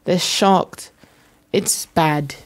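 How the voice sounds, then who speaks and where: A woman's voice: fairly low pitch, drawn-out words. A woman hosting her own channel, giving playful, joking commentary over basketball footage and slipping into mock slang. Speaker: host analyzing basketball footage.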